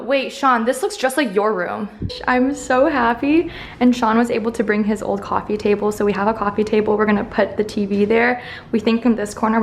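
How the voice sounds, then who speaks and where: Young woman, casual upbeat vlogger, fillers galore, noisy camera audio. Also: mid-range voice. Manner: chatty, upbeat, filler-heavy. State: tired, out of breath at times. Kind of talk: casual vlog narration. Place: around the city, indoors and outdoors. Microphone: handheld camera mic.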